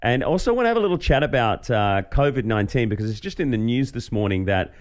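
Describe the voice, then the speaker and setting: Fast-talking and lively in intonation, this mid-range-voiced Australian is a podcast host who also does professional voiceover work. His casual interview chat is informal, chatty and self-deprecating.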